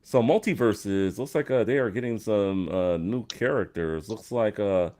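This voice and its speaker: A man's voice: fairly low pitch, moderate pace, warm tone. A man in his thirties hosting a gaming podcast, easygoing as he steers to the next topic. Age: 30s. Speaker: podcast host. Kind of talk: casual chat.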